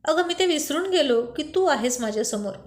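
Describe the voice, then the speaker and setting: A woman reading a teasing young boss, high and light. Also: animated. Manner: playful, coaxing lines read slowly. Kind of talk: storybook reading.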